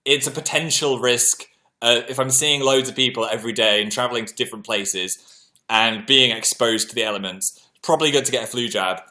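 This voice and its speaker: A British-accented man hosts a livestream, chatting casually and telling self-mocking stories to his viewers. His medium-pitched voice is brisk, pushed and bright.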